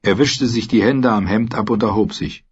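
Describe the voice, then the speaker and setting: A man narrating a fantasy audiobook in a measured, dramatic reading. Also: fairly low pitch, slightly rough, muffled recording.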